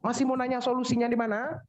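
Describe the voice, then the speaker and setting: A woman teaching English pronunciation to a class, lively and teasing, drilling words over and over. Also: fairly high pitch, brisk. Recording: dull lo-fi sound.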